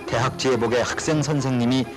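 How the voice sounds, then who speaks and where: A man's voice: medium pitch, fairly even intonation, fairly quick. Male newsreel narrator, music behind him.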